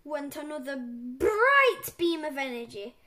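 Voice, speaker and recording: A woman reading a children's book aloud in an animated, playful way. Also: sits high, slow pace. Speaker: storyteller.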